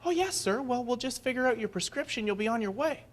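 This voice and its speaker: A man's voice: very high-pitched, expressive, quick pace, pitched above the performer's own voice. A man doing a fake-nice receptionist woman. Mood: sugary. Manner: sugary, overly polite.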